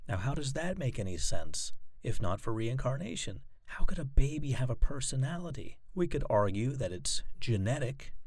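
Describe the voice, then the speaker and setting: A man working as a hypnotherapist, talking to camera in a calm, measured monologue with slow, deliberate phrasing and frequent repetition. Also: medium pitch, gravelly, dry recording.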